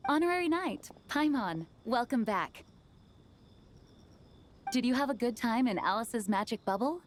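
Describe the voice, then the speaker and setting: A woman's voice: on the high side, animated, measured pace, slight background noise. A woman playing a dutiful, composed knight commander in a video game, with polite, formal phrasing. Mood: welcoming.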